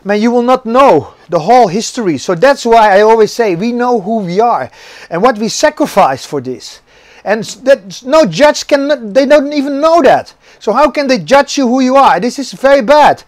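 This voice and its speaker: A man's voice: extremely high pitch, animated, moderate pace, no room sound. A middle-aged actor and stuntman giving an earnest motivational talk to viewers, often repeating words as he searches for them.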